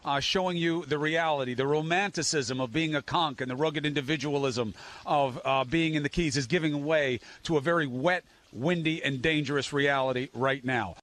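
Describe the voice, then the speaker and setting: A male news anchor speaking live in earnest, measured phrases. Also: fairly high pitch, a bit bright.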